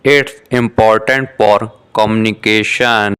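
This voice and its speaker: A man with a lowish voice reads scripted beginner English dialogues for shadowing practice, saying each short question-and-answer exchange twice. His delivery is unhurried, crisp and careful, with an even tone and measured, precise articulation.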